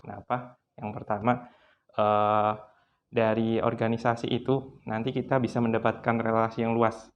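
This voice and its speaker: A man's voice: medium pitch, level tone, a little hiss or hum. Thoughtful young man, muffled sound. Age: young adult. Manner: thoughtful, pausing with fillers. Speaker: student guest.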